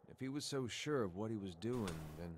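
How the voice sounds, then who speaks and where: Brief: male actor as a low-voiced, world-weary game soldier, quiet and plain. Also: expressive, fairly quick, a little hiss or hum, natural voice. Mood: somber. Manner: plain-spoken, quiet and reflective. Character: weary grown man, a soldier mourning his brother. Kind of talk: video game character dialogue. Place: game audio captured in a gameplay recording.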